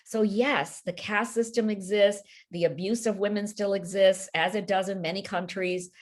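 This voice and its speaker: A woman author being interviewed over a video call, telling a story in an animated way and acting out the voices of the people she quotes. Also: mid-range voice, normal speed.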